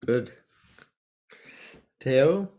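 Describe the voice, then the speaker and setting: A man hosting an online group session over a video call, inviting people to introduce themselves in a relaxed, hesitant way. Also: mid-range voice, very slow. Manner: relaxed, hesitant, many ums. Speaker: session host. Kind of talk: casual online moderation.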